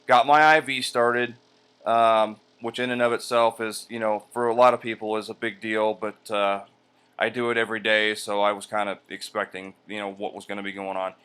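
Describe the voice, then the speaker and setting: A man talking casually in a personal vlog, halting with drawn-out hesitations, sore and medicated as he rests after surgery. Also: lowish voice, level tone, fairly bright tone, clear, resonant tone. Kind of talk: casual personal vlog, recounting his experience. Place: indoors at home on a couch by a window.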